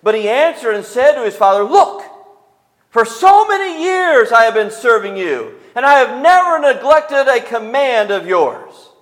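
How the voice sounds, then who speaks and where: A man's voice: high-pitched, slow, fairly bright tone, roomy sound, long reverb tail, voice pushed up, poor audio. A male preacher voicing a resentful older son who complains in a whiny, sniveling voice. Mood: whiny complaining.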